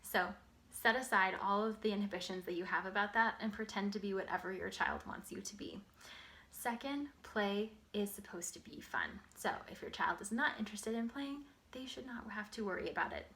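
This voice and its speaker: A woman giving an instructional talk to parents as an early literacy educator, explaining in simple, clear phrases. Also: mid-range voice, moderate pace, bright, forceful tone.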